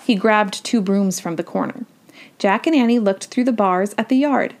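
A woman's voice: mid-range voice, normal speed, darkish tone. A woman reading a children's storybook aloud, with chatty, playful asides. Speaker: children's book reader.

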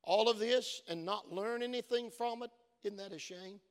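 A pastor preaches a sermon in a voice that sits high and moves at a normal speed. His voice is worn from many phone calls, and he tells stories earnestly before building to fervent exhortation. The long reverb of a church hall surrounds him.

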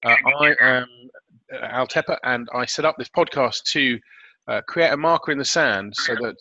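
A man's voice: mid-range voice, moderate pace, bright, forceful tone, dry recording. A middle-aged man hosting an interview podcast in a conversational, encouraging way. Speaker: podcast host. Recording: dry, slightly dull lo-fi audio.

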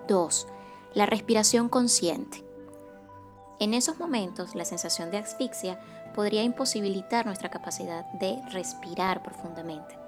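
Calm, measured woman hosting a podcast. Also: mid-range voice, over music. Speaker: podcast host, psychocorporal facilitator. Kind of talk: scripted podcast monologue.

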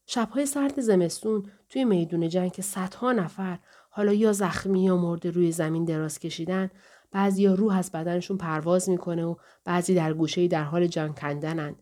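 A woman voicing a drunken, brutal male soldier who slurs and drawls, turning hushed and whispery at times. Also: lowish voice, close to an everyday voice. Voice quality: slurred drawling speech. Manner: menacing, sometimes hushed and whispery.

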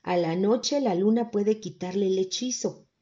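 Lady doing a keen storybook pig, higher voice, warm tone, muffled sound. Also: unhurried, natural voice. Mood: eager. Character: eager imaginative male pig student.

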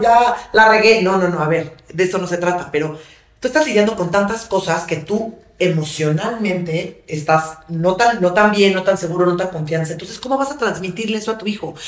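A Mexican woman talks parenting in an easygoing podcast chat, earnest and explanatory, now and then slipping into the voices of the mothers she works with. Her voice sits in a noticeably roomy, echoing space. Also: on the low side. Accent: Mexican Spanish. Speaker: parenting coach. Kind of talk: casual podcast conversation. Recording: roomy echo.

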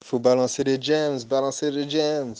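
A man's voice: mid-range voice, flat delivery, normal speed, dull audio, noisy background. A man chatting casually with friends on a call, joking, laughing often and using slang. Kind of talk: casual chat.

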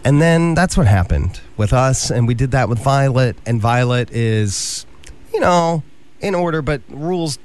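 A man in his thirties hosts a morning radio show, talking in an easygoing, self-mocking way. His voice sits at an ordinary middle pitch, and he tells his stories casually. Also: lively intonation, a little slow, darkish tone.

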